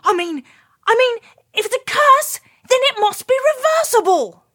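A woman's voice: very high-pitched, very animated, normal speed, bright, forceful tone, pitched above the performer's own voice, exaggerated voice. A woman voicing an anxious, dramatic male court jester who stammers and says "me" for "my". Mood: pondering.

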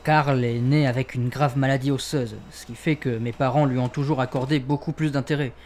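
A man's voice: medium pitch, fairly even intonation, brisk, darkish tone, a little hiss or hum, natural voice. A man playing a flustered, exasperated young insurance broker being questioned. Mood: confiding. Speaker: suspect under interrogation. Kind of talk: comedy sketch acting.

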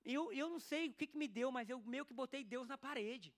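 A man's voice: very high voice, a little fast. A man with a Brazilian Portuguese accent preaching a sermon and sharing a personal testimony, emotional and speaking straight to the congregation. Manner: emotional, animated, addresses the congregation directly.

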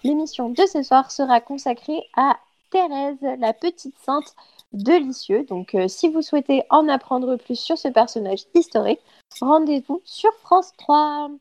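A woman with a high voice gives a casual radio segment into a studio microphone. Her sound is close and dry, with no room around it. She talks in a loose, relaxed way and pauses on filler sounds. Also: dry recording. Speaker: radio columnist presenting the TV listings.

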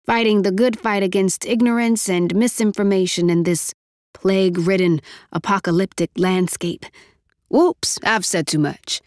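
A woman's voice: mid-range voice, steady tone, unhurried, a little mellow, dry recording, studio quality, close to an everyday voice. A woman voicing a tall, thin, chatty young tech leader who keeps up an upbeat, jokey running patter. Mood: playful, grandiose.

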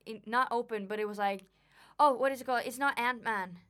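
A woman chats casually on a home podcast. Her voice is clear and bright, and her sentences ramble along with many filler words. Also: fairly high pitch, fairly quick. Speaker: podcast co-host. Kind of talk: casual chat. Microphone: desk microphone.

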